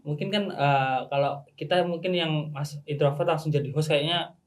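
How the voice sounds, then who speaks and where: A man hosting a casual podcast interview, relaxed and hesitant, with many fillers. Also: a little high, normal speed, slight background noise. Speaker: podcast host.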